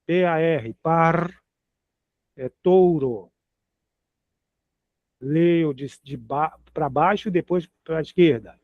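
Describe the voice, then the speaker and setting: A man teaches with unhurried, deliberate patience, spelling letters out and repeating words. His voice sits a bit high for a man. The sound is dry and thin, like a phone line. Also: no room sound. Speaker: Hebrew teacher. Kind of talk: slow explanatory lesson.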